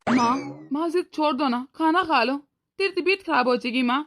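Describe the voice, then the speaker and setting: A woman's voice: sits high, normal speed, a bit bright. A woman voicing a young husband and son in a cartoon, anxious and pleading. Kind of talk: cartoon voice acting.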